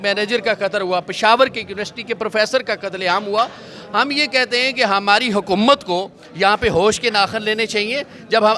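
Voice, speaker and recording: Man, religious scholar, measured preaching cadence, high bright voice, outdoors, handheld mic. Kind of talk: street interview answers.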